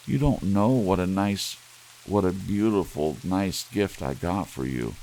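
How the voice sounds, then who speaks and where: A man voicing a devoted, anxious young wife in a soft ASMR storybook reading, earnest and pleading. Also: low voice, measured pace, voice pushed up, poor audio. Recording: audible hiss under steady rain sounds. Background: soft rain.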